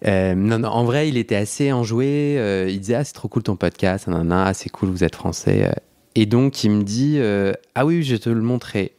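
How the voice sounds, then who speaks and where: A man's voice: lowish voice, normal speed, warm tone. A young man hosting a podcast, telling a story in a chatty way, laughing often and restarting his sentences. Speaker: podcast host. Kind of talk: casual storytelling chat.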